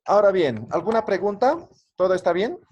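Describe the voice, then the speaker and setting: A man's voice: high-pitched, sing-song, fairly quick, a little mellow, lo-fi sound. A man teaching an online language class, patiently drilling greetings and often ending phrases with a questioning "¿no?".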